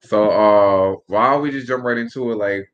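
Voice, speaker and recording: A man's voice: lowish voice, moderate pace, muffled recording, soft background music. A man from upstate New York interviewing a guest in a casual, conversational style. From Albany, New York, also Brooklyn and Long Island.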